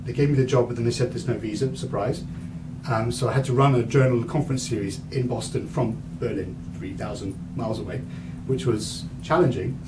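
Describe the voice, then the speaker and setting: A man's voice: mid-range voice, a little fast. A man in his thirties giving a university lecture, rambling with many fillers and restarts. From England. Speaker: guest lecturer. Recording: distant mic, audible room noise.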